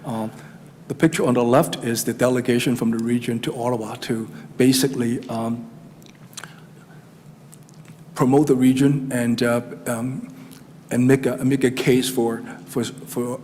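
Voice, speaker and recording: A man's voice: mid-range voice, flat delivery, normal speed, a little mellow. A middle-aged man with a Chinese accent giving a formal presentation to a town council, speaking hesitantly with many fillers and restarts. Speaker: regional economic development presenter. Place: council chamber. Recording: hall reverb with faint room noise.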